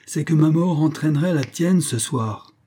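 Young male poet, bold and cunning, impassioned pleas, dark husky tone; a man reads the part. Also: on the high side, expressive, moderate pace, pitched above the performer's own voice. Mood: defiant. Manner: impassioned and defiant pleading. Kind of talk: audiobook reading.

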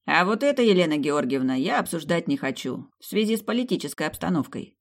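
A woman reading an audiobook, voicing a self-assured young man who charms and dodges questions with brisk confidence. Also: a little high, sing-song. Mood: firm.

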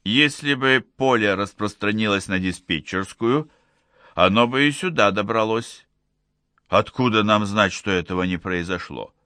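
A man's voice: on the low side, measured pace, pushed and bright, no room sound, studio quality. A man voicing a nervous, urgent young woman scientist in an audiobook. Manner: anxious, urgent.

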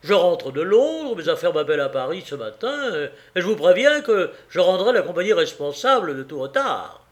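A man reading the part of an irritated older male traveller, complaining quickly and indignantly. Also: high voice, sing-song, voice pushed up.

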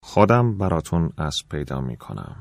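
A male narrator voicing an earnest adult suitor in a quiet but firm way. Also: sits low, expressive, no echo, clean studio sound, pitched above the performer's own voice.

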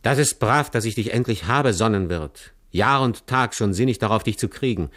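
A man voicing a rough, commanding male forest robber in an audiobook, gruff and blunt. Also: lowish voice, very animated, moderate pace. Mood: hearty. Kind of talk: audiobook character voice.

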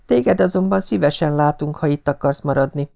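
A woman's voice: sits low, creaky, dark tone, pitched above the performer's own voice. A man voicing a remorseful, devoted young woman in an audiobook. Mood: polite refusal. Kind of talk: audiobook character reading.

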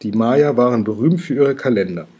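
A small, very learned male dragon who explains things calmly and precisely, as a man reads him aloud. The voice is warm and dark, with a strong breathy husk. It suits a children's storybook. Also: medium pitch, a little fast, close to an everyday voice.

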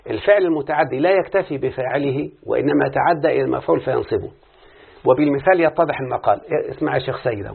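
A man's voice: mid-range voice, vocal fry, slightly rough, phone-quality sound. A man with an Egyptian accent teaching a classical grammar lesson, often prompting his students with questions. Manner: questioning, drawing students in with repeated "what?" prompts. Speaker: teacher of Arabic morphology. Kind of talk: classical Arabic grammar lesson with opening prayers.

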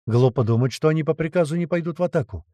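A man's voice: a little high, fast, dark tone, dry recording. A man reading a first-person audiobook in a blunt, swearing storytelling manner. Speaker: audiobook reader.

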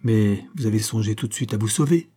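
A man's voice: fairly low pitch, a little fast, warm tone, slightly rough. A man voicing a stern examining judge who questions in a curt, formal way.

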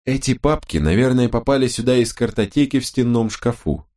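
A man voicing a brisk, businesslike woman detective who speaks precisely and officiously. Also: mid-range voice, lively intonation, darkish tone, pitched above the performer's own voice, lightly acted.

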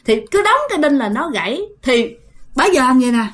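A woman's voice: high voice, very animated, brisk, fairly bright tone. A woman with a Southern Vietnamese accent telling a ghost story in a chatty way, often addressing her listeners.

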